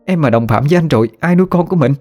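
Man doing a high nagging wife voice, sharp-tongued young woman, exasperated, faint background music. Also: animated, very fast, close to an everyday voice. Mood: worried. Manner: nagging, scolding.

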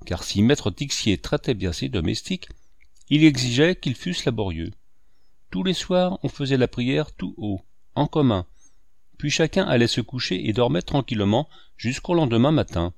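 A man narrating a classic children's story in an expressive, scripted reading. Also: mid-range voice, normal speed, gravelly, no echo, clean studio sound. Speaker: audiobook narrator.

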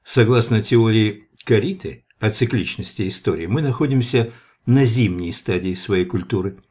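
A man reading the lines of an earnest, sharp-tongued young male scientist with an ironic, argumentative manner. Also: lowish voice, moderate pace, close to an everyday voice.

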